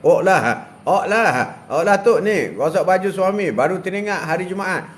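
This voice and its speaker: An older man from Malaysia hosting a casual live stream, giving religious advice in an animated way, laughing and reading viewer comments aloud outdoors. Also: sits high, moderate pace. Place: outdoors beside a plantation.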